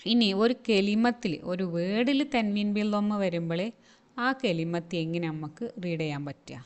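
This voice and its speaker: A woman's voice: medium pitch, normal speed. A woman teaching Arabic reading in Malayalam, explaining each rule and repeating every word two or three times. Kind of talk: slow spelled-out reading lesson.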